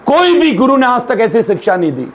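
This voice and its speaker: A man's voice: extremely high pitch, big pitch swings, brisk. A male pastor preaching a sermon, telling jokes and putting questions to the congregation. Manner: humorous storyteller, asks the congregation questions.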